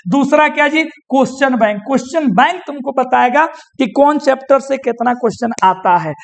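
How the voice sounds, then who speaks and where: A man's voice: extremely high pitch, moderate pace, gravelly, slight background noise. A male teacher with a Bihari Hindi accent giving students motivational exam advice in a folksy, exhorting way, mixing in dialect and English words.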